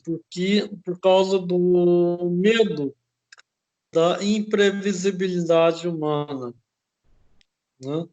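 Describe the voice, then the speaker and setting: A man hosting an interview, explaining at length in a halting way and often tagging his phrases with a questioning "né?". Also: high voice, a little mellow. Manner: slow, halting, ends phrases with "né?". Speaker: host.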